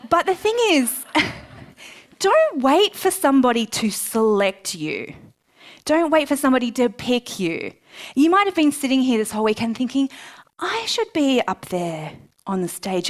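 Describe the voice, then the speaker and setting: Woman, live motivational talk, high voice, very animated, chatty and self-mocking. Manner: lively, chatty, self-mocking, quotes herself in asides. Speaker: speaker at a book launch event. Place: event room before a live audience.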